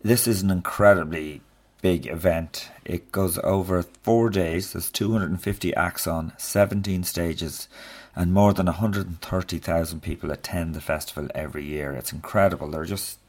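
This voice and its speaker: A man's voice: low-pitched, moderate pace, darkish tone. A man with a west of Ireland accent, talking casually as an interviewer, rambling and repeating himself with some swearing. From Galway, west of Ireland. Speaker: podcast host and interviewer. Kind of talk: casual chat and spoken recap. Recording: busy crowd chatter behind. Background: crowd noise.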